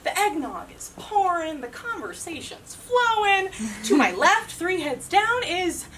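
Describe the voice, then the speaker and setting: A young woman doing a stand-up comedy monologue, profane and sarcastic, with an animated delivery. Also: extremely high pitch, unhurried. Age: young adult. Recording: distant mic with loud room noise.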